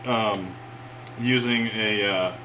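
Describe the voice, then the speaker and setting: Cooking live from his home kitchen, a man speaks slowly in a fairly low, relaxed voice, rambling, chuckling, and greeting viewers in casual chat. Background noise is present, with an echoey room and loud clatter of pots, pans, and cutlery.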